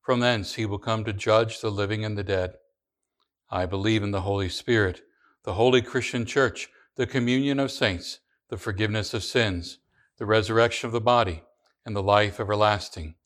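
A man leading a congregation in the creed and prayers, reading in a slow, measured recitation with small restarts. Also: lowish voice, fairly bright tone. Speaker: pastor.

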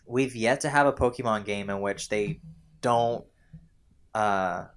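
Young man griping casually, animated. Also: on the low side, unhurried, smooth. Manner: animated, complaining, mimics game characters mid-sentence. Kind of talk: casual chat.

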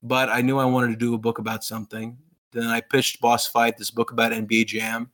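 A man in his thirties, raised in Pakistan, talking as an interview guest about his work. He speaks eagerly and loosely, piling on fillers and restarting sentences. His pitch sits in an ordinary middle range. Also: completely flat delivery, brisk, a bit bright. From grew up in Pakistan. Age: 30s. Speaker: author being interviewed. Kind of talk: casual interview storytelling.

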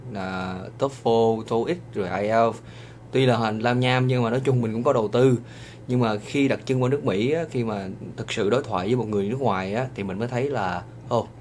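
A man from Vietnam with a Southern Vietnamese accent, giving casual advice in a chatty monologue full of drawn-out hesitations. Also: lowish voice, darkish tone, slight background noise.

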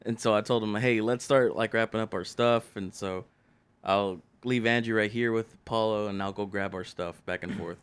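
A young man telling a story among friends, animated and acting out what people said, with plenty of swearing. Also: on the low side, normal speed, clean tone. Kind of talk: casual storytelling.

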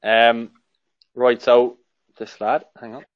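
A man's voice: mid-range voice, level tone, slow pace. A man interviewing casually, in slightly dull lo-fi audio.

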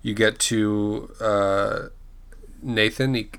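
A man's voice: on the low side, steady tone, drawn-out words, vocal fry, a bit bright, smooth. A man co-hosting a casual podcast, recapping a TV episode in a rambling way and often correcting himself. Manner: rambling, restarts and self-corrects names. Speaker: podcast co-host.

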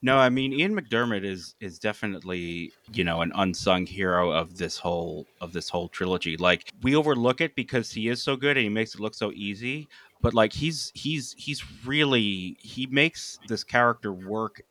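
Bright-voiced American man chatting about film. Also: lowish voice, moderate pace, dry recording. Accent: General American. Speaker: podcast host leading the discussion. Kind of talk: casual film discussion.

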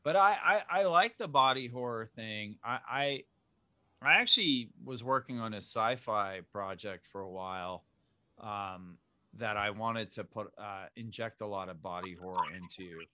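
A man's voice: lowish voice, unhurried, pushed and bright, no echo. A man born in Zimbabwe, a filmmaker chatting casually in an interview, rambling with many restarts and fillers. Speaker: filmmaker guest.

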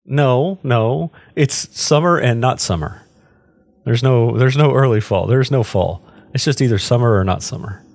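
A man's voice: medium pitch, moderate pace, creaky, darkish tone. A male podcast co-host who banters casually, teasing and pushing his point while sometimes chewing. His voice sounds dry and close, with no room echo. He comes across as playful and stubborn. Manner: teasing, pushy, eating while talking. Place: Texas.

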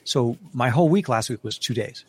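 A man chatting casually as a podcast co-host, his talk full of restarts, "uh"s and easy laughs. The recording is dry and close, with no room sound. His pitch sits in an ordinary middle range. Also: expressive, brisk, breathy edge, no room sound. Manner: rambling, many restarts and fillers, laughs often. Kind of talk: casual tech podcast chat.

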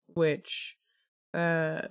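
A woman co-hosting a podcast in casual chat, animated and joking, with quick asides. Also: sits low, clear, resonant tone. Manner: chatty, animated, quick asides and self-deprecating jokes. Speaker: podcast co-host.

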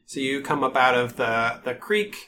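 Male game master, bright-edged voice, improvised narration in halting fragments, noticeable background noise. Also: mid-range voice, expressive. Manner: halting, pieces scenes together in short phrases.

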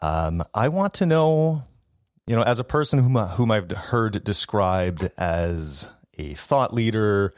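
A man's voice: fairly low pitch, animated, slow, no room sound, clean studio sound. A man with a French accent hosting an education podcast, eager and a little rambling, restarting his sentences. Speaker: podcast host. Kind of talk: podcast interview.

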